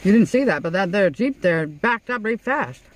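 A woman in her sixties makes casual small talk in a car. She chews while talking, as someone does over a relaxed meal. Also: mid-range voice, normal speed. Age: 60s. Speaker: vlog host. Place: inside a parked car at night.

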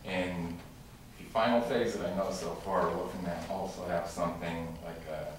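A man making a halting public comment to a city council, full of fillers and restarts. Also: sits low, steady tone. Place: large council chamber with tall windows. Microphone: room mic from far off. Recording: echoey chamber recorded from far off with noise.

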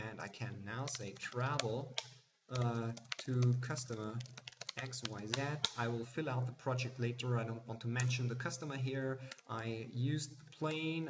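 A young man at his desk walking through a software demo in a plain, explanatory way, with small fillers and restarts. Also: mid-range voice. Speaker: software presenter. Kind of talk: screen-recorded software demo. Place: indoors at a desk. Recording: slightly dull, lo-fi sound.

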